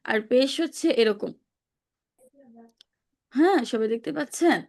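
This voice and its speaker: A woman's voice: sits high, expressive, unhurried, vocal fry, a little mellow. A woman teaching an online lesson on reading Quranic vowel marks, patiently repeating questions for her students to answer.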